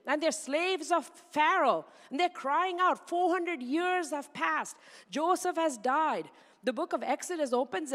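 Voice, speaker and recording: A woman preaching a sermon in a church, animated and firing rhetorical questions she answers herself. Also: sits high. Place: church sanctuary. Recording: reverberant church hall sound.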